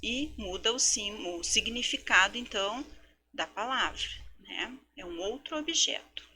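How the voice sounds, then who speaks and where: A woman teacher giving a recorded lecture, explaining step by step and sounding out words slowly syllable by syllable, with frequent tag questions. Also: mid-range voice, lively intonation, sharp tone. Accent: Brazilian Portuguese. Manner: explanatory, slow syllable-by-syllable demonstrations. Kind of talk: recorded lecture for education students.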